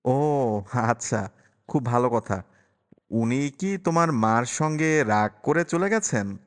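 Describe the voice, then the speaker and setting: A polite, curious young woman teacher, voiced by a male reader, asking gentle, probing questions. The voice is lifted a little above his own, and it carries a long echo. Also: mid-range voice, animated, slow pace.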